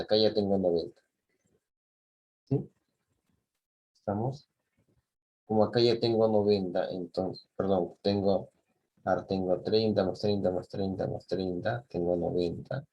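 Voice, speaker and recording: Speaking in a low, slightly mellow and somewhat rough voice, a man patiently guides students through a clock-angle math problem. He keeps checking they follow with "¿sí?" and "¿de acuerdo?", often restarting phrases, and the audio quality is poor.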